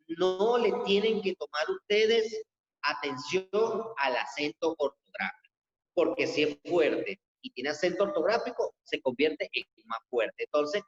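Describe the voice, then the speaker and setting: A male teacher talks his students through a lesson at an unhurried, careful pace, his voice sitting a little high for a man. The sound is dull and lo-fi, and the room rings with a long, echoing reverb. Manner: slow, deliberate explaining, addressing students. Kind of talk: recorded classroom lesson.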